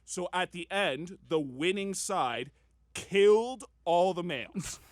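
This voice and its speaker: A man's voice: high voice, lively intonation, takes it slowly, slight background noise. A man co-hosting a podcast, lecturing insistently and talking over the others in a heated casual debate. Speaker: podcast co-host.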